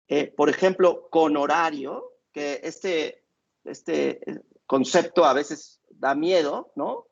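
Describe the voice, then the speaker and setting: Male doctor, rather high gravelly voice, explains in a halting way with many fillers, dull lo-fi sound. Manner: hesitant, with many filler sounds and repeated words. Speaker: doctor giving parenting advice. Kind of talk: explanatory talk to listeners. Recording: dull lo-fi recording.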